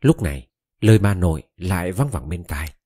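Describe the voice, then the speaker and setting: A man with a low, husky voice tells a story in the first person, expressive and vivid. His tone is dark and mellow, and the pitch rises and falls widely. The recording is close and dry. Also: moderate pace, no room sound. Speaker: audiobook narrator.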